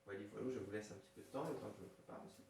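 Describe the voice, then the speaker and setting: A man's voice: fairly low pitch, rapid-fire. Man teaching a dictation in an echoey room. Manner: patient, spells words letter by letter, hums to hide answers. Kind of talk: classroom dictation lesson. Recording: echoey room, faint noise.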